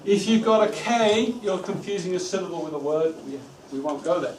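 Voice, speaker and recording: Man, workshop trainer, fairly high voice, instructive, drawn-out syllables, distant from the mic, noisy background. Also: lively intonation, a little mellow. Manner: instructive, stretches words syllable by syllable. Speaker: teacher trainer. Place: school room with a live audience. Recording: echoey room from far off, noisy.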